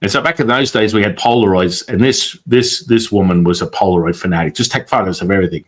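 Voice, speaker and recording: A man, a guest on the show, telling a story in casual talk, animated and quick to act out quotes, with frequent swearing. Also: lowish voice.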